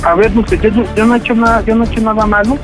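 A man protests his innocence on the phone, stammering and circling back over the same words. He talks fast in a fairly high voice. There is faint music behind him. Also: flat delivery, low-quality recording. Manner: defensive, stammering, keeps repeating himself. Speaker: prank call target. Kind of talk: phone argument.

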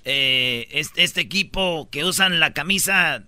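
A man's voice: a little high, lively intonation, takes it slowly, pushed and bright, dry recording. A man co-hosting a radio sports comedy show, telling stories with emphatic repetition, recorded on a studio mic. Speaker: co-host. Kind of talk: casual radio show chat.

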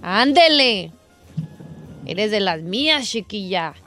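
A woman's voice: medium pitch, sing-song, slow pace, fairly bright tone, soft background music. Playful woman radio co-host. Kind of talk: comic radio banter.

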